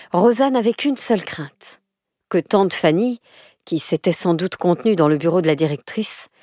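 Expressive woman reading a story. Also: medium pitch. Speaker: narrator. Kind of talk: scripted storybook narration.

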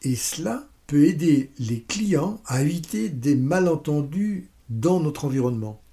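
A man's voice: on the high side, unhurried. A man presenting a business lesson step by step, with playful, self-mocking asides. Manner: steady step-by-step explaining.

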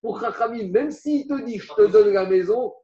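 A man's voice: high voice, normal speed, mellow. A man teaching a Talmud class to students, explaining with rhetorical questions and Aramaic terms mixed into his talk. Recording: roomy, dull lo-fi class recording.

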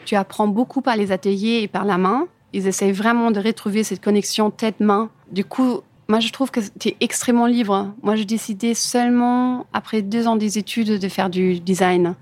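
A native German speaker with a German accent talks about her career as a furniture designer in a casual interview, answering in imperfect French and frequently groping for words. Her mid-range voice is a little mellow and steady in tone, moving at normal speed with hardly any pauses.

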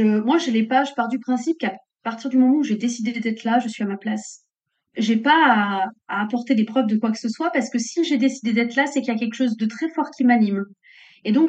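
A woman's voice: fairly high pitch, a little mellow. A middle-aged woman entrepreneur speaking reflectively and earnestly as an interview guest. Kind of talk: casual interview conversation. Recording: muffled lo-fi audio.

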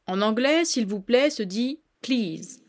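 A woman's voice: on the high side, lively intonation, slow pace. Playful woman hosting a language podcast. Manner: playful, chatty explainer addressing listeners. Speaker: podcast host. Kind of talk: scripted explanatory podcast.

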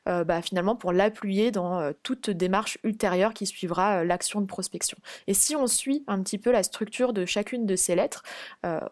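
Young woman guest, mid-pitched, walks through ideas with many hesitations, dry close recording. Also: a little mellow, no echo. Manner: explains step by step with frequent hesitations. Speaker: freelance marketing guest. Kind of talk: podcast interview.

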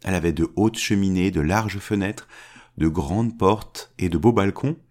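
A man reading a fairy tale aloud as a storyteller, changing his pitch to give each character a voice. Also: moderate pace, a little mellow.

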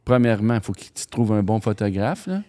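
A man hosting a podcast, asking questions and agreeing quickly in casual conversation. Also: lowish voice, big pitch swings, mellow. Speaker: podcast host. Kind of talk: casual interview chat.

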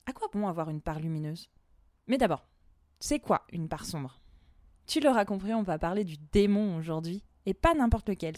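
A woman's voice: mid-range voice, darkish tone, dry recording, clean studio sound. A woman hosting a tarot podcast in a casual, playful way, slipping English slang into her talk. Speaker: podcast host and tarot reader.

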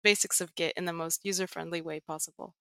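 This podcast interview features a Greek-born tech writer and educator, a young woman with an American accent who explains patiently, using lots of fillers. She talks fast in a fairly low, fairly even voice with vocal fry and a smooth, fairly bright quality. The studio-quality audio has no echo.

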